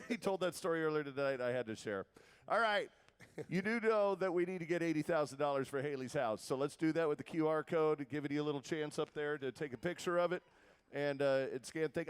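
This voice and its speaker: A man's voice: a little high, smooth. A man hosting a live charity event on a theatre stage, an upbeat emcee who tells a chatty story and laughs along with it. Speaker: event host, radio host.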